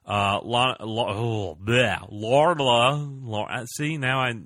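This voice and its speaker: A man with a lowish but bright, forceful voice, talking through an episode in casual, animated fashion. He jokes and tumbles from one scene to the next. The sound is close and dry. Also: no room sound. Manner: animated, joking, retells scenes in quick asides. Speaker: podcast host recapping a TV episode. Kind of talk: casual recap chat.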